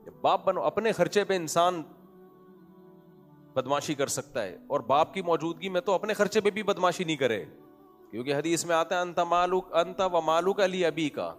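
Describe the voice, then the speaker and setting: A man's voice: fairly high pitch, soft background music. A man giving a humorous, conversational sermon as a preacher, telling family anecdotes in a joking tone. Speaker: Islamic preacher.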